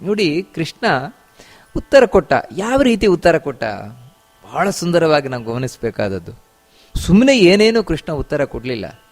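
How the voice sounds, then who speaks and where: A man's voice: fairly high pitch, sing-song, moderate pace. A man giving a discourse on scripture, chanting verses and explaining them with repeated phrases and rhetorical questions. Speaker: religious teacher.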